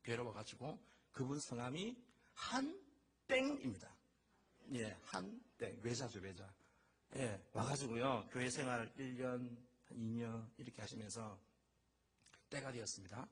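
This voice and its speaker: A middle-aged man preaching a sermon as pastor, telling stories in a lively way and acting out the voices he quotes. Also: mid-range voice, measured pace, slightly rough.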